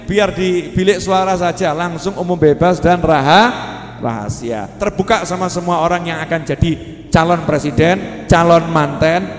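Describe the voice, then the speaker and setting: Male preacher with a Javanese accent, folksy and joking, fairly high voice, roomy reverberant hall sound. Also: moderate pace, a little hiss or hum. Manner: folksy and humorous, mixing in Javanese words. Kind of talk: sermon. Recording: echoey hall with music.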